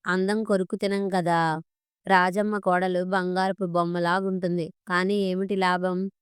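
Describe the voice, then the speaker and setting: A woman narrating a scripted story in a steady, even way. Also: fairly low pitch, unhurried, clear, resonant tone, no room sound, clean studio sound. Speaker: audiobook narrator.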